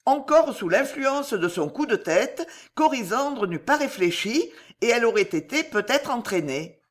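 A woman's voice: fairly high pitch, very animated, a little slow, pitched above the performer's own voice. A woman reading an audiobook voices a poised, ironic middle-aged countess who speaks with mocking self-assurance.

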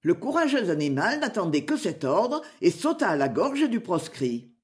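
Expressive woman reading a novel aloud. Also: mid-range voice, normal speed. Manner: expressive storytelling. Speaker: audiobook reader.

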